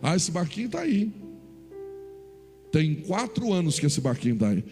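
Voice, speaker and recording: A man's voice: on the high side, sing-song, normal speed, mellow. A male pastor voicing a stubborn antique shop owner in a sermon story. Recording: reverberant church hall, faint music.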